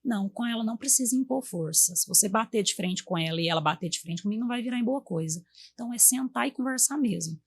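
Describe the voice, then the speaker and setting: Brazilian woman in her thirties, husky tone, chatty storyteller voicing her own quotes. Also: on the high side, lively intonation, fast. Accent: Brazilian Portuguese. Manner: warm storytelling, acts out quotes to her kids. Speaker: guest. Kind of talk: casual chat.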